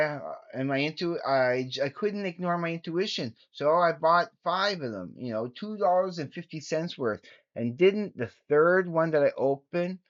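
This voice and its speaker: A man's voice: a little high, fairly bright tone. A man vlogging casually to his viewers, rambling with frequent restarts and self-corrections. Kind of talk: casual chat to camera. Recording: dull lo-fi home recording.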